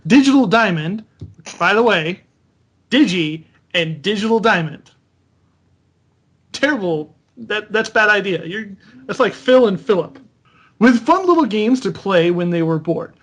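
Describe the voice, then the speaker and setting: Male podcast host, light high voice, reads text aloud and breaks off to critique it. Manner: reads a character bio aloud, stopping to mock and correct it.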